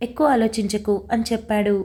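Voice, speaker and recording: A woman voicing a confused young man who speaks hesitantly and gently in a storybook reading. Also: a little high, level tone, fast, lightly acted.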